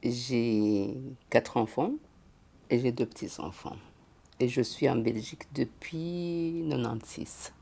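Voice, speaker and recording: Older woman, gravelly and mellow. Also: extremely low pitch, slow. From Rwanda. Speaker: grandmother. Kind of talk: testimony.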